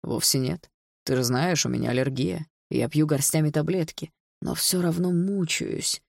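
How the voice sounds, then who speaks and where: A woman voicing a cold, controlling middle-aged stepfather who speaks slowly and in a measured way in an audiobook. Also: low voice, gravelly, a little mellow, no echo, clean studio sound. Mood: mock-friendly.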